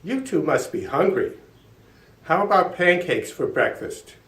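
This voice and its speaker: Warm, excitable old grandpa read by a man, hearty storybook style, highish pitch, roomy distant sound. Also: a little slow. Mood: glad, welcoming. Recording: roomy echo, distant from mic.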